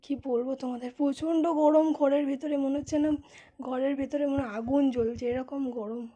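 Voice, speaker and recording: A woman narrating a casual home vlog into her phone, chatty and repetitive, her voice a little hoarse from the heat. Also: high voice, steady tone, fairly quick, warm tone, dry recording, muffled recording. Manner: chatty, repeats herself, many fillers. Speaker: vlogger. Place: home, indoors and on a veranda. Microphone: phone camera.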